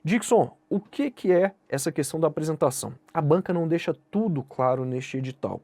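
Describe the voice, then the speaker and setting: A man's voice: fairly high pitch, expressive, a little fast, darkish tone, no room sound. A Brazilian man teaching an online exam-prep lesson, speaking directly to the viewer and asking and answering his own questions. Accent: Brazilian Portuguese. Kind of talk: online lesson explaining essay grading.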